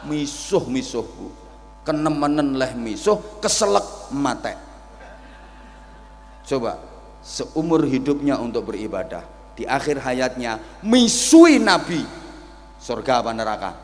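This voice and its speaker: Slow, joking Javanese preacher. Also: male voice, medium pitch, big pitch swings, big-room sound, slight background noise. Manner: theatrical, joking, switches into Javanese. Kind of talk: humorous sermon. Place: outdoor religious gathering.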